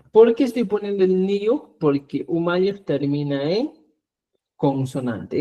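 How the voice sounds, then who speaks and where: Slow, mellow-voiced man teaching a class. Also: on the high side. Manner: slow, patient, checks understanding often. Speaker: Quechua language teacher. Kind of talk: classroom lesson.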